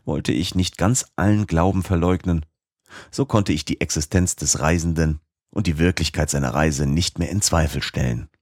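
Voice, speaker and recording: A man narrating a classic novel in the first person, in a measured, literary reading. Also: extremely low pitch, dry recording, clean studio sound. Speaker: audiobook narrator.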